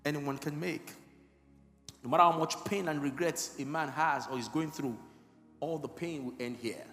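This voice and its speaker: A man preaching a sermon as pastor, telling an emotional story that swings from hushed words to loud cries. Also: a little high, echoey room, in a large hall.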